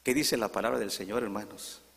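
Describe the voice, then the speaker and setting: A man's voice: on the low side, fairly even intonation, fairly quick, vocal fry, a bit bright, in a large hall. A man preaching a sermon, asking the congregation questions.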